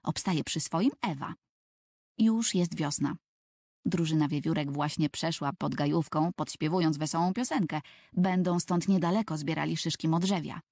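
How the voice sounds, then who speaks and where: A woman's voice: sits low, darkish tone, dry recording, studio quality. A woman narrating a children's book for an audiobook, telling the story expressively.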